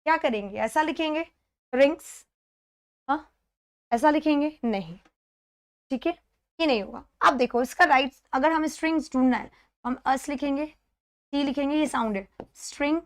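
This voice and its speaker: Woman, high-pitched, live online lesson, step-by-step explaining, slow repeated pronunciations. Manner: explains step by step, often checks in with "theek hai"; repeats words slowly to model pronunciation. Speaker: English exam teacher.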